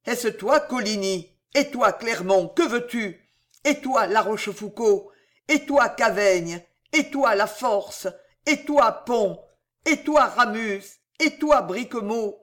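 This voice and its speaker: A man's voice: high voice, takes it slowly, hardly any pauses, a bit bright. A man reading aloud, voicing a delirious dying young king who pleads in frantic cries, tormented by guilt. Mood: terrified. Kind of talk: dramatic reading of a historical novel.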